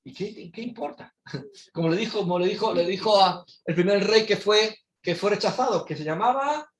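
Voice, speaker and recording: Man preaching to a class, lively and dramatic, slightly high voice, roomy echo. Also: normal speed. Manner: animated, acts out quotes with sudden shouts. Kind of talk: Bible class teaching. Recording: echoey church room, faint noise.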